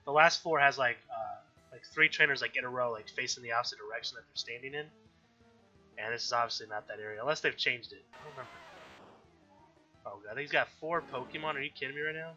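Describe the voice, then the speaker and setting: Sharp-toned and mid-range, this man's voice has a stuffy, slightly nasal quality from allergies as he casually chats through a game as a let's-play host. He's chatty, with frequent self-corrections and throat clearing. Dull lo-fi audio with faint background music.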